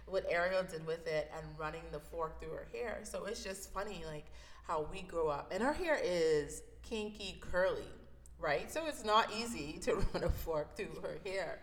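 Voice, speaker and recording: A woman's voice: fairly low pitch, expressive, normal speed. A woman in her thirties from the Bahamas, hosting a podcast and telling personal stories in a reflective, conversational way. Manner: reflective, conversational, with fillers and laughs. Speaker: podcast host. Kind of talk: personal storytelling monologue.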